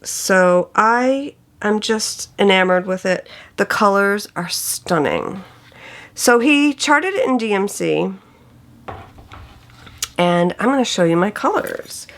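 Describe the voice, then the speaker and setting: Slow, gravelly-voiced woman vlogger. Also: mid-range voice, animated. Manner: enthusiastic, gushing over colors. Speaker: cross-stitch vlogger. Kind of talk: casual show-and-tell chat.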